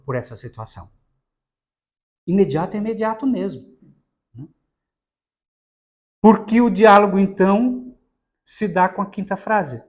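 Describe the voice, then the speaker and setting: Homem brasileiro pregando, voz um pouco aguda. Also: male voice, high voice, darkish tone. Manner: explanatory, frequent tag "né?". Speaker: lecturer at a spiritist center. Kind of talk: spiritist Bible talk.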